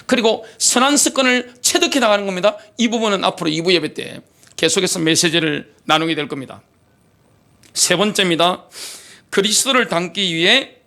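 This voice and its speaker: A man's voice: high-pitched, pushed and bright. A middle-aged man, a pastor, preaching a sermon animatedly with many rhetorical questions. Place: church sanctuary.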